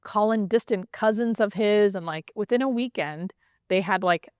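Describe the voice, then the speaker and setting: Her medium-pitched voice is clear and resonant, moving at a moderate pace in a studio-quality recording without echo. As a hospice nurse on an interview, she explains and tells stories in a lively, conversational way, stressing points through repetition and often asking "right?"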